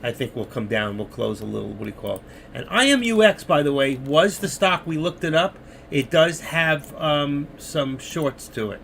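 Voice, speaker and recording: This middle-aged man moderating a trading stream talks to his chat in a casual, rambling way, even as he loses his voice. He speaks at normal speed with a fairly high pitch and lively intonation, showing vocal fry and a bit of brightness. There is slight background noise.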